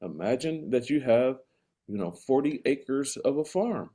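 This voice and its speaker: A man's voice: medium pitch, animated, a little slow, mellow. A man in a casual conversational rant, emphatic and repeating phrases for comic effect as he builds toward exasperation.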